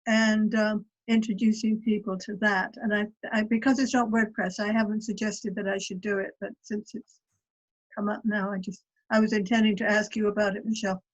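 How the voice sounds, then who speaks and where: Flat, hesitant call participant, muffled lo-fi sound. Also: male voice, sits high, a little fast. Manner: hesitant, rambling with restarts. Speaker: meetup participant. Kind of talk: casual video call chat. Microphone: computer mic on video call.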